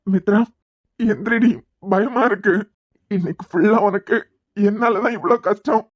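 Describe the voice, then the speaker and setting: A woman's voice: medium pitch, a little slow, no room sound, highs cut off, natural voice. A woman voicing a worried young man in a cartoon series, pleading and tender, with a Kanyakumari Tamil accent. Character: anxious young man tending a fainted girl. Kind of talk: cartoon web series voice acting.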